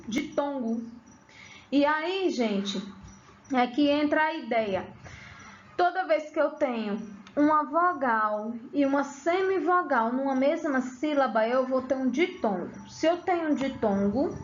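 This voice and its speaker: A woman with a high voice teaches a grammar lesson in a lively way. She asks her students questions and then answers them herself. The audio sounds slightly dull and lo-fi. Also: a little hiss or hum.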